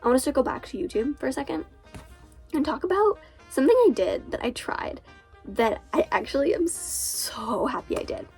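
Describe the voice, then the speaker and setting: Her high, husky voice swings widely in pitch at a normal speed, its tone darkish and clogged by a cold. This teen author and booktuber chats loosely, leaning on "like" constantly, over soft background music.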